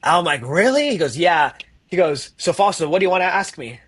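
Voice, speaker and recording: A man's voice: on the high side, a little fast, a bit bright, slightly rough. A man telling his own story as a podcast guest, acting out the voices of the people in it. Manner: acts out voices in his stories, fillers like "like". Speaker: guest, therapist. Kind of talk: animated storytelling.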